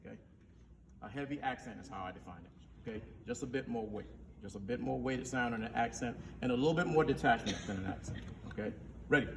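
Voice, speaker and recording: A man's voice: mid-range voice, fast talker, gravelly. A man who is a band director, teaching a rehearsal and counting in his players, singing syllables to show how a note should sound. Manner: instructive, counts players in, sings syllables to demonstrate. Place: school band room. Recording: distant, reverberant room recording with faint noise.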